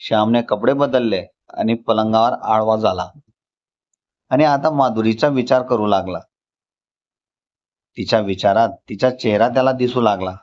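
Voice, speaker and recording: A man narrating a scripted story in a calm, measured reading. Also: on the low side. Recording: slightly dull lo-fi recording.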